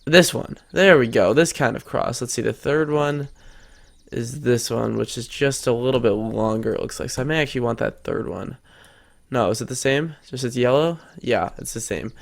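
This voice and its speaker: Thinking aloud as he builds, this chatty teenage boy runs a casual screen-recorded game tutorial. His gravelly voice sits at medium pitch, moves at a moderate pace, and carries a slight congestion.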